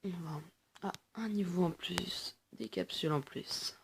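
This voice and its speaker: A woman's voice: fairly low pitch, slow, vocal fry, a little hiss or hum. A woman giving casual gameplay commentary, chatty and explaining things to viewers with lots of fillers. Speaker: gaming video host.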